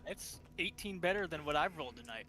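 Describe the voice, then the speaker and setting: A man's voice: on the high side, animated, a little fast, pushed and bright, faint music behind. A man chatting casually as a player during a tabletop roleplaying game. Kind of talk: casual chat. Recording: noisy home recording.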